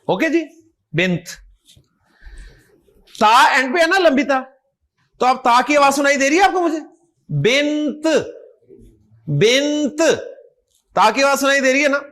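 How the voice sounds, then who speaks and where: A man teaching an Arabic grammar class, explaining slowly, demonstrating how to pronounce words and often checking that students follow. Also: very high voice, pushed and bright. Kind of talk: online class lecture.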